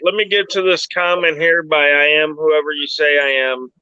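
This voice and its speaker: A man's voice: on the high side, steady tone, moderate pace, bright, forceful tone, clear, resonant tone, no echo, highs cut off. A man hosting a casual livestream, chiming in with agreement and reading viewer comments aloud. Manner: affirming, reads viewer comments. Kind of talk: casual group chat.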